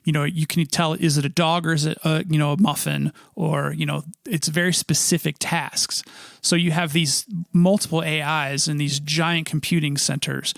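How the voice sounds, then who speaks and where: Gravelly-voiced male podcast co-host. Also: fairly high pitch, level tone, fairly bright tone, no room sound, studio quality. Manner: explanatory, measured. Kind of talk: casual conversation.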